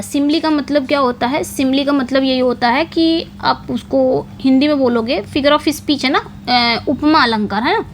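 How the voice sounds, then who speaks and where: A woman with an Indian accent teaching English literature for an exam, asking questions and answering them herself, and reading English lines slowly and carefully. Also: high-pitched, a little hiss or hum. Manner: repetitive, asks and answers her own questions. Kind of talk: exam-prep lecture.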